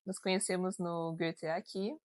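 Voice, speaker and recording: A woman's voice: on the low side, fairly even intonation, measured pace, darkish tone, no echo. A woman who grew up in Germany with German as her native language, chatting casually as a teacher co-hosting an educational channel. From grew up in Germany, living in Brazil.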